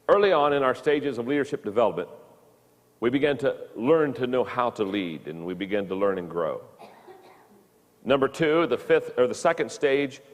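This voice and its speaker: Fifty-something man teaching leadership, long echo. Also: mid-range voice. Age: 50s. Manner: halting, repeats words while speaking. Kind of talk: recorded leadership lesson.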